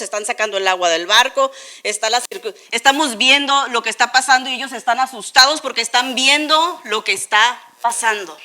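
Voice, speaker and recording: A woman from Tijuana with a northern Mexican accent, telling a Bible story to a young congregation in a playful, animated way, with many rhetorical questions. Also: a little high. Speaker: children's church teacher. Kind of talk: lively Bible lesson sermon.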